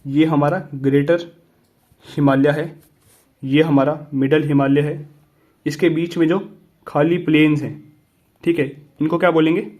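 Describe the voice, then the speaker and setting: A young man with a somewhat high voice teaches an exam geography lesson. He explains in a loose, chatty way, keeps asking whether the point is clear, and slips English phrases into his talk. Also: steady tone, measured pace, pauses often, darkish tone. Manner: repetitive checking questions, mixing Hindi and English.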